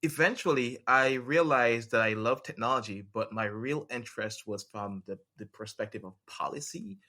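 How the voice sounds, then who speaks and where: A man from Jamaica, a lawyer and podcast guest, talking in a relaxed way with plenty of fillers. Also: medium pitch, normal speed. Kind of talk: casual interview talk.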